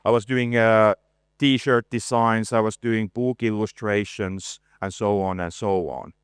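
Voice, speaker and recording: A man in his forties giving a conference presentation, relaxed and self-deprecating, with frequent hesitations and a voice worn from talking a lot. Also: on the low side, unhurried, clean tone, dry recording, studio quality. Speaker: conference speaker, art director. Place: conference stage.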